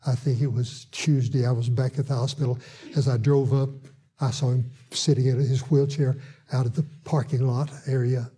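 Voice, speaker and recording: A man who visits hospitals to evangelize, telling a testimony in an earnest way and slowing down for emphasis. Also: mid-range voice, flat delivery, mellow, slightly rough. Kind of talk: testimony storytelling.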